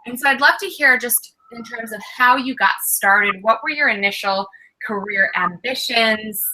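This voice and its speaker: A woman's voice: on the high side, normal speed, pushed and bright, rough recording. A woman hosting a live interview show, upbeat and enthusiastic as she welcomes and questions her guest. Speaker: host.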